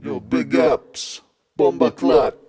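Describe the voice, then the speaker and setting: A man voicing a boasting male radio DJ with a put-on Jamaican accent, in a shouty hype-man delivery. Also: medium pitch, slow, pitched above the performer's own voice, lightly acted. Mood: hyped.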